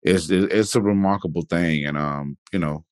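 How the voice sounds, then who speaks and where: In a casual interview chat, a man hosting a podcast poses his questions loosely and conversationally, frequently adding "you know what I'm saying." His low voice moves at a normal speed and sounds clean, with studio quality and no room sound.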